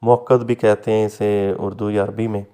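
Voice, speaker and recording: A man teaching a recorded lecture, patiently explaining step by step, repeating example words slowly and fondly addressing his students as "beta". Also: on the low side, level tone, warm tone, clear, resonant tone.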